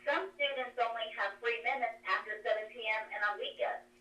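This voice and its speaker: A woman's voice: a little high, a little fast, pushed and bright. A woman coach calling in by phone and explaining her methods step by step, her voice echoing like she is in a cave. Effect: cave-like echo over a phone line. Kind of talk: presentation on a conference call. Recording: echoey distant phone line.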